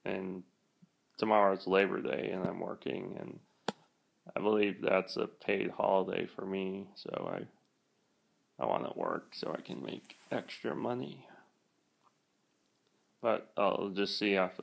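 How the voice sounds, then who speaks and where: A young man talks to his vlog while feeling under the weather. His voice is low and heavily gravelly with fry. He speaks extremely slowly and haltingly, often trailing off mid-thought. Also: expressive. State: feeling sick, achy and nauseous. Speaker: vlogger. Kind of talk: casual vlog talk.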